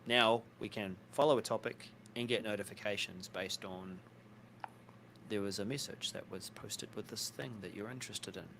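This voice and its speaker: A man with a fairly low voice chats casually as co-host of a live show. He jokes, laughs easily and thinks out loud with plenty of fillers. A faint hum of background noise sits under him. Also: normal speed, gravelly. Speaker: podcast co-host.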